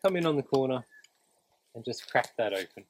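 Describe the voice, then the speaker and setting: A man's voice: medium pitch, lively intonation, a little fast, slight background noise. A man instructing in a practical, plain-spoken way, explaining a hands-on demonstration step by step while outdoors. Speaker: beekeeping instructor. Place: outdoors beside beehives.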